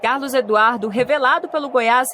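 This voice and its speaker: A woman's voice: high-pitched, normal speed, sharp tone, soft background music. A Brazilian woman reading a scripted football recap. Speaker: football highlights narrator.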